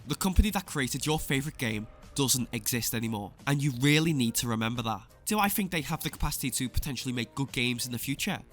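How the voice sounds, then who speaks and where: A man's voice: medium pitch, expressive, quick pace, few pauses, a bit bright. A man delivering scripted opinion commentary as a video essayist, with a sarcastic, scathing exposé tone. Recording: clear music bed under voice. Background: background music.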